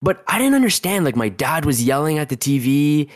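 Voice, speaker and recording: A man's voice: a little high, sing-song, a little fast, dry recording, studio quality. A man in his twenties, a guest telling a personal story in a casual interview, rambling with lots of restarts. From Canada. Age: 20s. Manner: rambling, heavy use of "like", frequent restarts.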